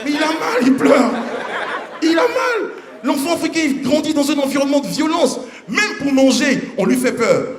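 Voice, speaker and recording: A man performing a stand-up comedy set on stage, animated and acting out characters with sudden high voices. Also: normal speed, crowd noise. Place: comedy stage before a live audience. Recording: roomy live stage sound with audience.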